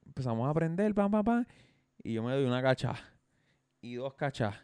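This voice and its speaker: Male co-host, mid-pitched, animated and profane storyteller. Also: normal speed, clean tone, dry recording. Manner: animated storyteller who swears freely and acts out scenes. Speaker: podcast co-host. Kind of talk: casual chat.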